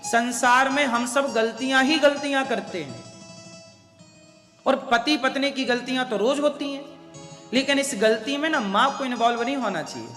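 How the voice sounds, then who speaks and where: A man's voice: very high voice, moderate pace, pushed and bright, soft background music. A man preaching a devotional sermon, emphatic and questioning the audience. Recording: echoey hall with long reverb.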